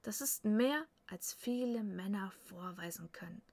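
A woman voicing a young Viking warrior who gently encourages his little sister in a storybook reading. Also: mid-range voice, lively intonation, unhurried, gravelly, no echo. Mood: encouraging. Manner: encouraging, warm.

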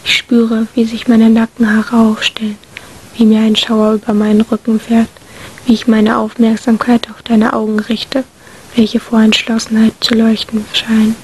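A woman tells an emotional story in first person as whispered role-play. Her hushed, breathy voice sits a little high and moves very little in pitch. A faint hiss lies under the recording. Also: monotone, moderate pace. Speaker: narrator.

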